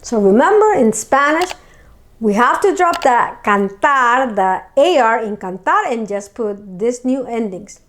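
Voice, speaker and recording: A woman teaching a language lesson, saying words slowly and repeating them clearly for learners. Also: fairly high pitch, lively intonation, a bit bright. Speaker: Spanish teacher. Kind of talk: slow, deliberate language lesson.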